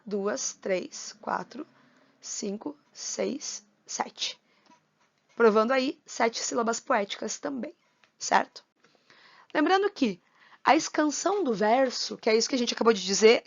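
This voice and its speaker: A woman's voice: sits high, vocal fry, highs cut off. A woman teacher giving a recorded lesson on poetry, explaining step by step and counting syllables aloud.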